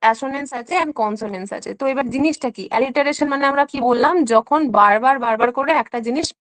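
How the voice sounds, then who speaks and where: A woman's voice: a little high, dry recording, rough recording. A woman teacher giving an online exam-prep lesson, explaining step by step, mixing in English terms and checking in often. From West Bengal.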